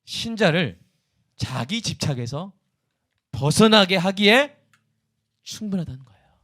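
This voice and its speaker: A male pastor preaching a sermon in an animated way, often asking the congregation questions. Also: sits high, a little slow.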